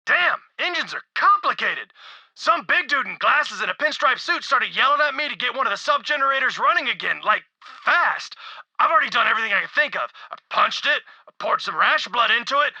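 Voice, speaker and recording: A dim, boastful bandit recording a scheming audio log in a video game. His voice is high and sharply bright, rattling through his plan at a quick clip. The audio is slightly dull. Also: big pitch swings, no room sound, exaggerated voice. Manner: fast, scheming, rambling monologue. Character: dim, boastful bandit man sneaking into an arena.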